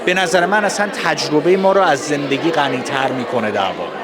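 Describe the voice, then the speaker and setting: A man with an Iranian Persian accent giving formal, courteous, halting interview answers. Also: fairly high pitch. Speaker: festival organizer interviewee. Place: public festival space with crowd. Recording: busy crowd noise, outdoor public event.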